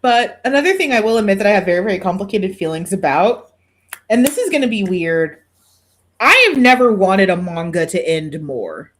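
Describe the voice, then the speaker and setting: A woman's voice: mid-range voice, big pitch swings, normal speed. A woman hosting a podcast in casual chat, swearing freely and poking fun at herself with dramatic exaggeration. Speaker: podcast host.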